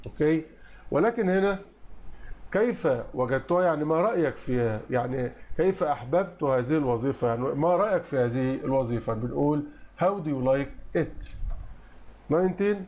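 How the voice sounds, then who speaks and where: Egyptian guy going over english test answers, slow careful reading then fast explaining. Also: a little high, lively intonation, a little mellow. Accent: Egyptian Arabic. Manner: reads English sentences slowly, explains quickly in Arabic. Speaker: English teacher.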